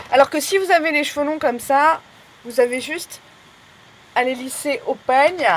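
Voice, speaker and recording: A young woman vlogging casually to camera, chatty and self-mocking, her voice a little hoarse from a sore throat. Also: mid-range voice, a little hiss or hum. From France. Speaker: beauty vlogger.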